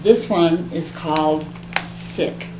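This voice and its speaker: A woman from the library staff reading children's poems aloud in a clear, expressive storytelling manner. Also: lowish voice, takes it slowly. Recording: echoey room with background hum.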